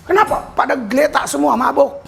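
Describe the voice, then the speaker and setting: An Indonesian pastor with a high voice tells a story from the pulpit, swinging from loud, excited cries to quiet asides. Faint background noise sits under the recording. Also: male voice, a little fast, creaky. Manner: animated storyteller, jumps between loud cries and low asides, laughs. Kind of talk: sermon, telling a personal story.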